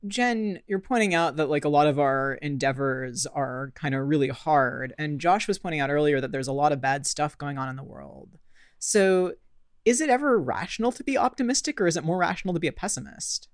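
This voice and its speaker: A woman co-hosting a radio talk show, introducing the guest and asking clear, probing questions. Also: low voice, expressive, fairly quick, dry recording, clean studio sound. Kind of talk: radio interview conversation.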